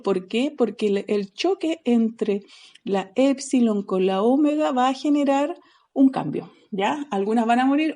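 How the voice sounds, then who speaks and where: Mellow-voiced woman teaching a lesson. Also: a little high. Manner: explanatory, checks in with a frequent "¿ya?". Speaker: Greek teacher. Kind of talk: recorded video lesson.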